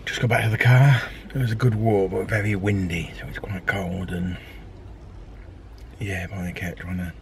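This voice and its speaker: A vlogger in his thirties with a low, gravelly voice chats casually in a daily vlog, talking at normal speed with a steady tone but rambling hesitantly with many ums. He films on a handheld camera at arm's length, moving from a park outdoors to a car and then home. Slight background noise is present.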